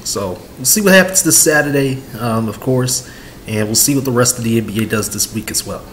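Young man, casual sports vlog, rambling, filler-heavy, webcam audio, faint rumble. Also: brisk, a bit bright. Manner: rambling, many fillers and repeats. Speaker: sports vlogger. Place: small room at home, indoors. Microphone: webcam at desk.

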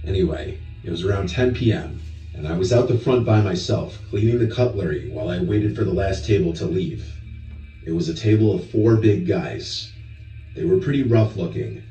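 Low-voiced man narrating a horror story. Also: expressive, normal speed. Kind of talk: scripted narration. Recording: echoey, distant playback with loud music. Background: background music from the played video.

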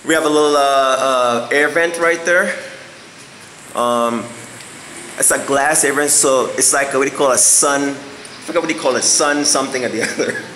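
A man's voice: medium pitch, normal speed, pushed and bright, slight background noise, poor audio. Rambling man giving a house tour. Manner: rambling, searches for words with many fillers. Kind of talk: casual walking house tour. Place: empty house, indoors and on balconies. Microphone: handheld phone camera.

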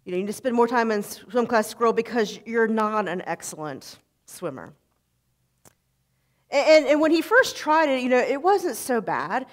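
A middle-aged woman pastor preaching from a church pulpit and telling an animated story with repeated words. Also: fairly high pitch, normal speed. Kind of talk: sermon storytelling. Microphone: pulpit microphone, far camera.

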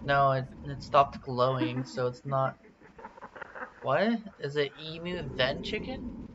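A man's voice: medium pitch, slow pace, background noise. A man playing a puzzle game with friends, frustrated and swearing as he works it out. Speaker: player. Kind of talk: casual gaming chat. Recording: muffled lo-fi voice chat.

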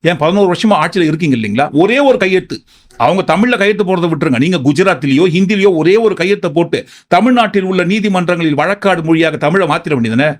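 A man's voice: high-pitched, lively intonation, fast. A man giving political commentary, sarcastic and firing off rhetorical questions.

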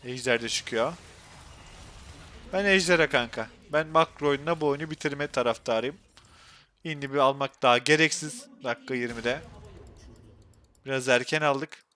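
A young man with a Turkish accent commentating his own gameplay on a live stream, excitable and quick to go from muttering to frustrated outbursts. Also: mid-range voice, a little hiss or hum.

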